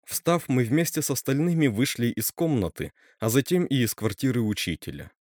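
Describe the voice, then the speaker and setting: A man narrating a scripted horror story in an expressive way, doing all the characters' voices himself. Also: mid-range voice, normal speed, no echo, studio quality.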